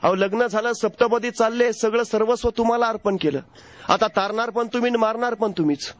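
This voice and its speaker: A man voicing a young newlywed wife who speaks in an earnest, measured way. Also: high voice, voice pushed down, lightly acted. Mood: devoted, calm.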